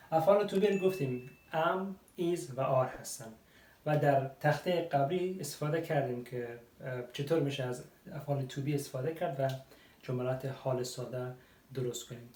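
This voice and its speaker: A man teaches grammar at a whiteboard. His voice is fairly high but mellow. He sounds set back from the mic in a reverberant room. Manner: slow, drawn-out English examples, then quick explanations. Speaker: English teacher. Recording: roomy, distant mic.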